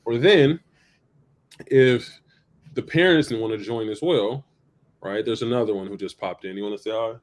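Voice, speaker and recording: A man's voice: fairly low pitch, moderate pace, long pauses. Easygoing man talking through ideas. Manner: loose, repeats himself, lots of "like" and "right?". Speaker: podcast co-host. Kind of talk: casual chat.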